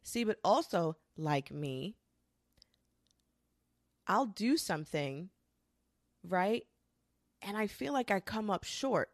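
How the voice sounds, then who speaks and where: A woman in her twenties talking casually and candidly to the camera, swearing freely and rushing through quick bursts. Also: medium pitch, very animated, dry recording, studio quality. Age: 20s. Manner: candid and profane, with frequent restarts and quick bursts. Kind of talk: casual confessional monologue.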